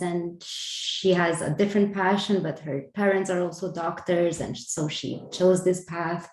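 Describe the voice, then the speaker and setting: A woman co-hosting a casual spiritual conversation, earnest, laughing lightly between phrases and restarting her sentences. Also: fairly low pitch. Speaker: podcast co-host. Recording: roomy echo.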